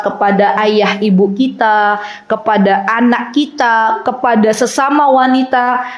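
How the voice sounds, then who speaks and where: A woman giving a casual, chatty Islamic lecture to a women's study circle, acting out soft and firm voices. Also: medium pitch, highs cut off. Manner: lively, chatty, laughs with audience, acts out soft and firm voices.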